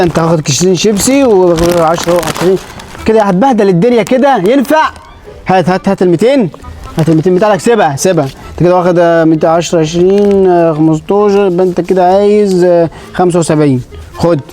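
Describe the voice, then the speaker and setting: Fast-talking, gruff Egyptian shopkeeper man. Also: sits high, dark tone, faint music behind. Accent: Egyptian Arabic. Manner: gruff, scolding, quick-tempered. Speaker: shopkeeper in a comedy sketch. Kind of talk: comedy sketch acting.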